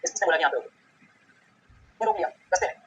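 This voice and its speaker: A man teaching customs law in a casual, chatty way, often checking that his students follow. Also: high-pitched. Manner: rapid, chatty, keeps checking "ठीक है?". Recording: slightly dull recording with faint background noise.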